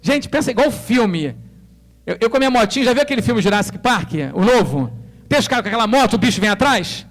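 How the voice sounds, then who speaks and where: A man's voice: extremely high pitch, fast. A male pastor with a Brazilian Portuguese accent telling a story in a sermon, acting out the dialogue as he goes. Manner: animated storytelling, acts out dialogue.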